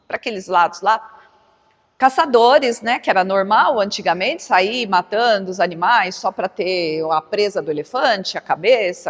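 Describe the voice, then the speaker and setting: A woman's voice: medium pitch, a bit bright. A middle-aged woman gives a spiritist talk in an easy, conversational way and keeps checking in with her listeners through tag questions. Her voice sits in a middle register. The sound carries a long hall reverb. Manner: chatty, frequent tag questions, laughs along. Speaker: spiritist lecturer. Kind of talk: informal lecture to an audience.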